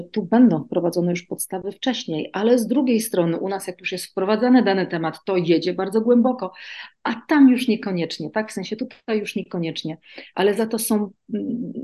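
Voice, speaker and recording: A woman's voice: on the low side, warm tone. A woman in her forties from Poland, answering interview questions in a chatty way with many fillers. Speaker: interview guest, emigrant mother.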